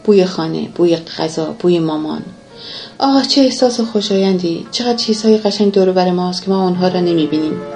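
A woman's voice: on the low side, dark tone, faint music behind. A woman narrating a first-person memoir in a somber, reflective way.

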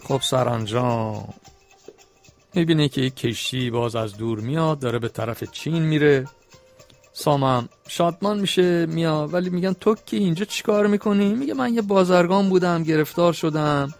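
A man storyteller who recites epic verse slowly and then retells it in plain, chatty speech. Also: on the high side, faint music behind. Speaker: storyteller reading an epic poem.

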